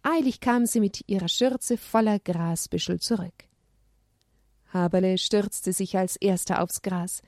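A woman giving a scripted narration of a children's Bible story in an even storytelling manner. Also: mid-range voice, a little slow, dry recording, studio quality.

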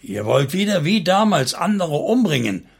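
Dude doing angry sneering prince, raised and rough, husky voice. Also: male voice, medium pitch, normal speed. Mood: furious.

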